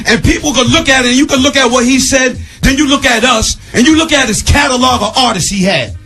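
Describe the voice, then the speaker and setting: A worked-up man with a New York accent, a rapper guest arguing forcefully in a heated radio interview. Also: very high voice, fast, soft background music. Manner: forceful, shouting at times, insistent. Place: radio studio.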